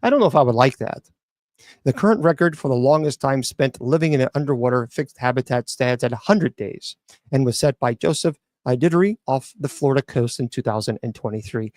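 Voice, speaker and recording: This man's mid-range voice is a little mellow and fairly quick as he hosts an open mic show, reading out news items and riffing on them with many restarts. The recording is dry with clean studio sound.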